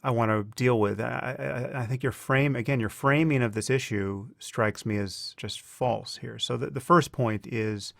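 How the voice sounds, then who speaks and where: Man, podcast host, gravelly voice, dry close sound, argumentative, interrupting. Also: mid-range voice, steady tone, moderate pace, few pauses, no echo. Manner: interrupting, pushing back, repeats words. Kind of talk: debate-style interview.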